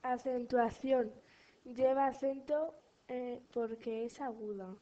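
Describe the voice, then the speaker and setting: A woman's voice: on the high side, steady tone, slow, mellow, dull audio. A female pupil answering spelling questions with short, hesitant replies.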